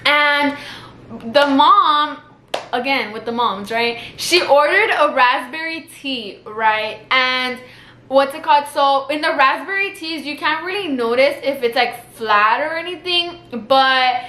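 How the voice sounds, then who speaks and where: A young woman from South Texas tells a casual storytime in a chatty way, with "like" after nearly every phrase. Her voice is high and bright. The room around her is echoey. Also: unhurried. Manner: chatty, filler-heavy with constant "like". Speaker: vlogger.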